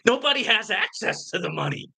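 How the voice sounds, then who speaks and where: In a very animated, high voice that is creaky, pushed, bright, and slightly rough, a man hosts a live Q&A stream. Talking a little fast, he rants emphatically and preachily, peppering his points with "right?" and "man."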